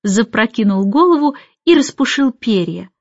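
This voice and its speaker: A woman narrating a children's book in a calm, measured storytelling voice, in a dull lo-fi recording. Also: a little high, no room sound. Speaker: audiobook narrator. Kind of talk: scripted narration.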